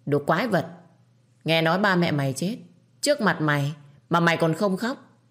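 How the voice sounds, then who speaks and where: A woman voicing a cruel young boy who taunts and shouts insults. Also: lowish voice, lively intonation, moderate pace. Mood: jeering. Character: cruel boy bully, jeering.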